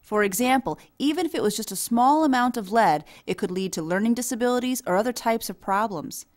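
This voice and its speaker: A woman reading an English voice-over for a signed conversation, explaining things in a steady storytelling way. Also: fairly high pitch, a little fast. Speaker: voice-over for a signing speaker. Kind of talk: scripted dialogue voice-over.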